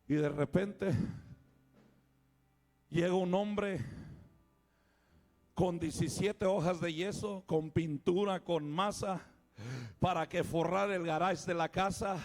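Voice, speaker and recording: A middle-aged man, a pastor giving a fervent sermon testimony that rises to loud exclamations. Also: sits high, steady tone, takes it slowly, pauses often.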